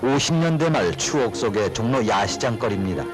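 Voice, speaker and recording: A man's voice: medium pitch, expressive, fairly quick, low-quality recording. Male newsreel narrator, music behind him.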